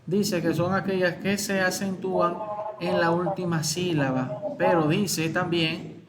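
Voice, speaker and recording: A male teacher with a Dominican accent, explaining exam answers to his students slowly, repeating key words and asking questions. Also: sits high, fairly even intonation, over a noisy crowd. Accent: Dominican Spanish. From Dominican Republic.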